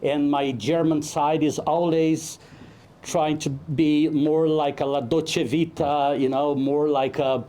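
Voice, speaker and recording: A man from Brazil, a film director giving a humorous, anecdotal talk at a networking event, halting often with fillers. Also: on the high side, level tone, mellow.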